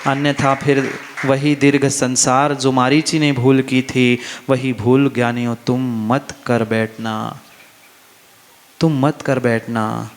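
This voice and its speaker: A man's voice: medium pitch, level tone, slow pace, slight background noise. A man preaching a sermon as a monk, emphatic, repeating phrases and asking his listeners questions. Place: large hall at a religious festival. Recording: long reverb of a large hall.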